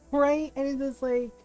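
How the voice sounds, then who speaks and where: This high-pitched woman is casually chatting during a live game stream, spinning animated, unfiltered stories laced with swearing. She grew up speaking Tagalog, English and Spanish.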